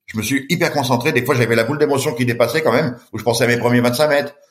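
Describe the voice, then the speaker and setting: A man's voice: mid-range voice, racing. A middle-aged man telling a story with animation as a podcast guest, acting out the voices of the people in it. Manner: lively, acts out voices in his story. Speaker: guest, long-distance swimmer.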